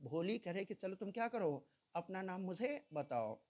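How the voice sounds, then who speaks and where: A woman's voice: medium pitch, sing-song, warm tone. A woman teacher, reading an English story line by line and explaining each line in Hindi. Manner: reads English text slowly, then explains in Hindi.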